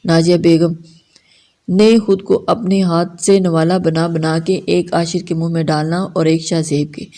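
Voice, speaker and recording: Low, mellow woman reading a novel. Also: little pitch movement. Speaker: novel reader. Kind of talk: scripted narration of a novel.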